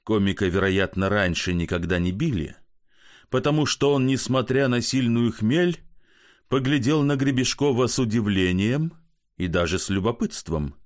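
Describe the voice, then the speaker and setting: Expressive male storyteller. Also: mid-range voice, moderate pace. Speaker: narrator. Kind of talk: audiobook narration.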